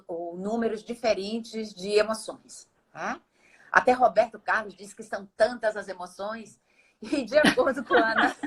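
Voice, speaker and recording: A woman, explaining as a guest expert in a steady, didactic way, often ending points with tag questions. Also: mid-range voice, poor audio. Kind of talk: explanatory conversation.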